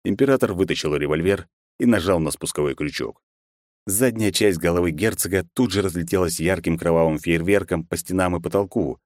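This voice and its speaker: A man narrating an audiobook in a steady, measured reading. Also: low voice, dry recording, clean studio sound. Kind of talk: scripted narration.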